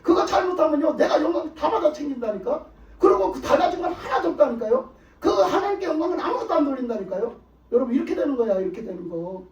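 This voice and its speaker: A male pastor with a very high voice preaches emphatically. He hammers his points home with repeated rhetorical questions. He is heard from a distance in an echoey church sanctuary, through a dull, muffled recording. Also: big pitch swings, quick pace. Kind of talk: sermon.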